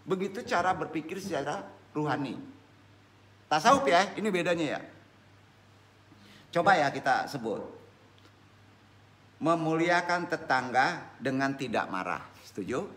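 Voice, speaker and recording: Animated preacher, bright voice. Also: male voice, on the high side, a little slow, long pauses. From West Sumatra, Indonesia. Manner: animated, questioning the audience. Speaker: religious teacher. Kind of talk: informal Islamic study talk.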